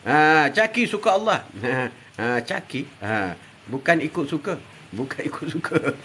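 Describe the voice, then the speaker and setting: An older man with a Malaysian Malay accent hosts a live stream, greeting his viewers one by one. He is chatty and teasing and laughs often. His voice is higher than most men's and bright, and it rises and falls widely. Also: sing-song, a little slow, husky. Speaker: live-stream host reading viewer comments. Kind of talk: casual live-stream chat.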